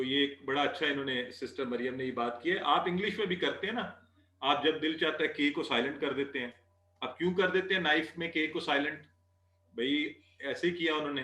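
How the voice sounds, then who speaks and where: A man's voice: mid-range voice, sharp tone. Patient male Arabic teacher, echoey room. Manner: patient, repeats words slowly for drilling. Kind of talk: online class lesson.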